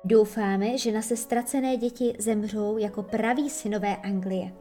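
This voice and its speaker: A woman voicing a proud, dignified girl who speaks firmly and quietly. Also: mid-range voice, steady tone, faint music behind, lightly acted. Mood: firm, solemn. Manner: firm and quiet.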